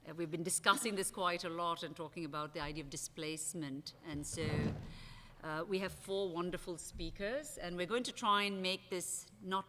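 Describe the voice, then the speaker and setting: A session chair with a low voice moderates an academic conference panel, introducing speakers loosely, with frequent "uh"s and restarted sentences. She talks at a normal speed in a bright, forceful tone into a table microphone on a big auditorium stage, where a long hall reverb and a little hiss or hum carry through.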